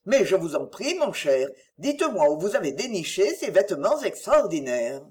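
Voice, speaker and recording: A reader voicing a loyal young gentleman who speaks in an earnest, cautious way in an audiobook. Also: medium pitch, very animated, moderate pace, natural voice. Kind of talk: audiobook reading.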